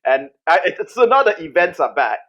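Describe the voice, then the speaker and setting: A man hosting a casual interview over a video call, asking questions with quick stumbling restarts. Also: high-pitched, very animated, fairly bright tone, muffled recording. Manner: fast, stumbling restarts, laughs easily. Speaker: interviewer host.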